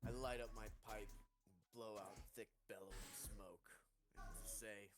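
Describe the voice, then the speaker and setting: A man playing in a tabletop game who calmly narrates what his character does. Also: lowish voice, a little slow, over music. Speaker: player. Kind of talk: casual game chat.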